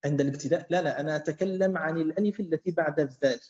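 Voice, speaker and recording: A man teaching a lesson to a class, talking slowly, repeating himself and quizzing students. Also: on the high side, a little mellow. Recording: echoey, dull-sounding classroom.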